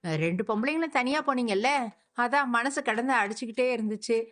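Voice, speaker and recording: A woman's voice: fairly high pitch, fairly quick, close to an everyday voice. A woman playing a wailing, fretful old grandmother. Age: older. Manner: lamenting, wailing. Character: anxious elderly grandmother of a family. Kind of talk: TV serial acting.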